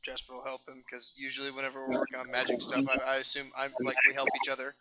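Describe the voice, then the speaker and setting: A man's voice: mid-range voice, completely flat delivery, fast talker, a loud crowd. A man teasing his friends at a tabletop game, laughing often. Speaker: player. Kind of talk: casual tabletop banter.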